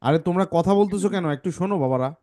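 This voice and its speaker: A man's voice: high voice, racing, warm tone. A man teaching English phonics to a children's class, patiently correcting pronunciation sound by sound.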